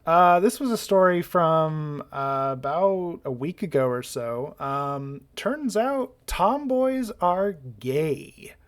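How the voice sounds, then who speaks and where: A man with an American accent giving casual YouTube commentary, halting with many fillers and dry sarcasm. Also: fairly high pitch, lively intonation, clear, resonant tone.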